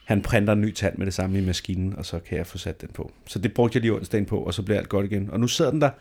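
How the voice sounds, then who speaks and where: A man's voice: on the low side, darkish tone. A man in his thirties telling a dramatic, self-mocking story in a casual chat, swearing freely.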